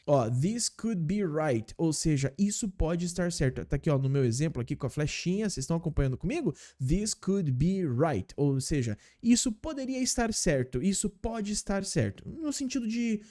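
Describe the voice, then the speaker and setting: A man's voice: on the high side, sing-song, normal speed, few pauses, warm tone. A man teaching English in a casual video lesson, explaining step by step and often checking in with his viewers.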